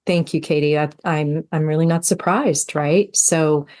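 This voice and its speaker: A woman's voice: deep voice, steady tone, unhurried, a little mellow. A middle-aged woman co-hosting a podcast, telling her account in an earnest, storytelling way. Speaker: podcast co-host. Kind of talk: conversational podcast discussion.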